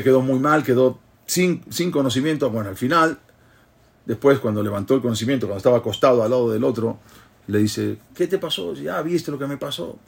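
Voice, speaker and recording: A man's voice: mid-range voice, vocal fry, slightly rough. A man telling a story. He acts out the dialogue and builds in intensity. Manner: animated retelling, acting out dialogue with rising intensity. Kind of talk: sermon storytelling.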